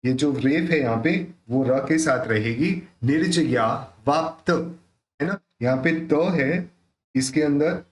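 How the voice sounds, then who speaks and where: A man teaching the pronunciation of a devotional hymn, reciting verses slowly and then explaining the rules in a conversational way. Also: a little high, echoey room.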